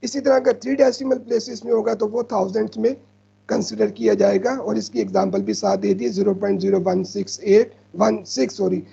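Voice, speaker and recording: A man's voice: high-pitched, a little fast, gravelly, mellow, slightly rough, muffled recording. A man, patiently teaching decimals over slides and repeating himself often. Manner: patient, repeats "ठीक है" often, mixes in English terms. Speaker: math teacher.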